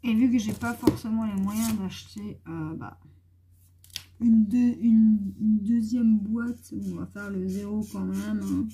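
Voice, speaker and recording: A woman's voice: medium pitch, fairly even intonation, slow, dark tone, a little hiss or hum. A woman chatting casually in a haul vlog, thinking aloud as she tests colors and talking familiarly to her viewers. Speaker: YouTuber presenting art markers.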